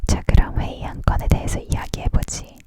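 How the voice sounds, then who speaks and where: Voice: brisk, natural voice. Whispered role-play, reader doing grumpy braggy santa guy from a storybook, all whisper. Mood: businesslike. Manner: grumbling, self-justifying. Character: gruff, touchy, boastful Santa Claus dream maker, male.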